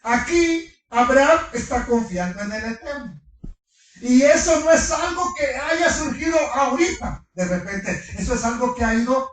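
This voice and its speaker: A middle-aged man preaching a sermon to his congregation, animated, firing rhetorical questions and slipping in humorous asides. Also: extremely high pitch, moderate pace. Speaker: pastor. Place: large congregation hall. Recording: echoey hall from far off.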